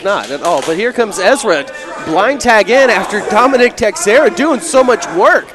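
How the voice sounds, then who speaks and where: A man's voice: high voice, expressive, moderate pace, a crowd in the background, noisy background. A man providing live wrestling commentary, describing and summing up the action.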